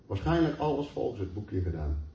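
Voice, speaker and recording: A man's voice: fairly low pitch, big pitch swings, fairly quick, warm tone. A man preaching a sermon, telling a personal testimony in an earnest storytelling way and reading scripture aloud. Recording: roomy, distant, dull hall mic.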